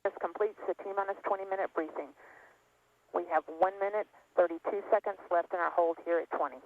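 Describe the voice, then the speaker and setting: High-voiced man on tinny radio. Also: fairly even intonation, fairly quick, no echo. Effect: radio intercom. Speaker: launch controller. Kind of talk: formal scripted procedural briefing. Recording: tinny phone-like radio loop.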